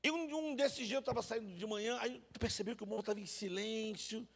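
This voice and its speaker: A man's voice: high-pitched, brisk, gravelly. A man preaching a sermon in church, telling stories and calling his listeners brothers. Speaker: pastor. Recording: reverberant church hall.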